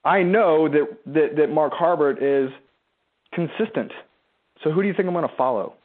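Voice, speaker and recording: A man's voice: on the high side, normal speed. Emphatic man coaching over a tinny line. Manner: emphatic, conversational, asks rhetorical questions; mimics the listener's objections in a whiny voice. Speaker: business and marketing coach. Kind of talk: motivational live talk to followers. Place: a room at home, seated in a chair.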